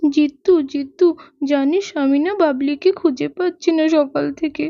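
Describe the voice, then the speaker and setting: A caring young mother, voiced by a woman in a children's doll story, who frets and talks to herself as she goes. Her voice sits high and bright. The recording is dull, lo-fi and dry. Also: fairly even intonation, moderate pace, no room sound. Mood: panicked.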